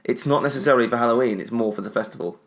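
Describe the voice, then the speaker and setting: A man's voice: mid-range voice, racing. Man, casual podcast chat, chatty, laughs easily, home lounge. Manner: chatty, laughs often, jokey put-on posh voice at times. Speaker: podcast co-host.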